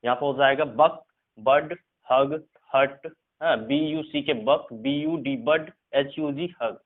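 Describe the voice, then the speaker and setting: A man's voice: on the high side, big pitch swings, slow, gravelly. A man teaching English phonics, reading out word lists one by one and checking that the students follow. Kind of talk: classroom phonics lesson. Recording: tinny phone-like recording.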